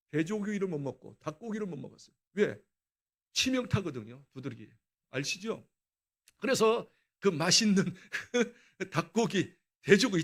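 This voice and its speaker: Brief: male pastor, high voice, animated laughing testimony sermon in a church. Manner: animated storytelling with frequent laughter. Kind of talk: testimony sermon at a dawn prayer service. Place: church sanctuary.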